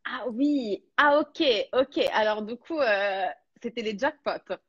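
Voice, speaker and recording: Woman host on a live chat, husky voice, reassuring, muffled lo-fi sound. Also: on the high side, slow pace, a bit bright. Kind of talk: casual live talk. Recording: dull lo-fi audio.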